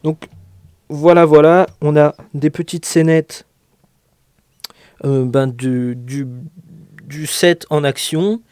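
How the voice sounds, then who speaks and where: Man, slightly high voice, slow delivery, dry close mic, hesitant unboxing chat. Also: steady tone, a little mellow, smooth, dry recording. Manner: hesitant, many fillers, jokey. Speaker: LEGO reviewer. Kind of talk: casual unboxing commentary.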